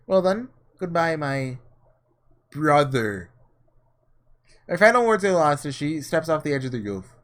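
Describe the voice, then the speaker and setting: A man hosts a casual gaming playthrough, his fairly high voice swinging widely in pitch as he speaks a little slowly and pauses often. He muses informally out loud and reads visual novel text.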